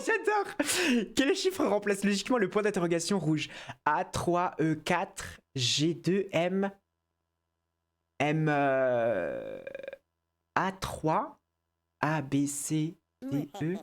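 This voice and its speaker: Low, slow woman muttering through a quiz. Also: big pitch swings. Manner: mutters to herself, swears, switches between French and English. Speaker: content creator. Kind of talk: casual quiz play, thinking aloud.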